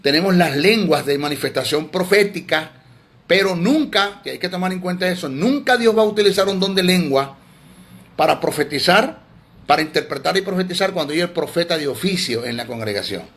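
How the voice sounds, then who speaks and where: A man's voice: sits high, animated, brisk, fairly bright tone. A man teaching theology in a sermon, emphatic and scolding, often repeating words.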